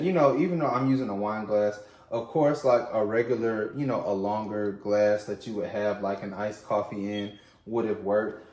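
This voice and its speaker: A man's voice: on the low side, darkish tone, echoey room. A man hosting a casual at-home drink-making video, with a playful, chatty manner, talking straight to his viewers. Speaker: vlog host.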